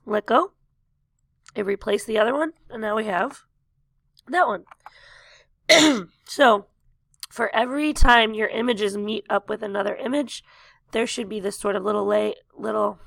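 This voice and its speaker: A woman teacher talking through a software tutorial step by step, losing her voice, with coughs and throat clearing. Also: mid-range voice, no room sound. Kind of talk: screen-recorded software tutorial.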